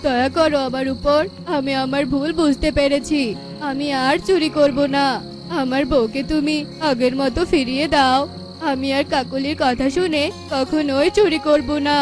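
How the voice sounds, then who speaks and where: A remorseful male crow in a storybook cartoon, voiced by a woman. He wails and pleads in a high voice. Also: steady tone, moderate pace, natural voice. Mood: pleading. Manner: wailing, pleading.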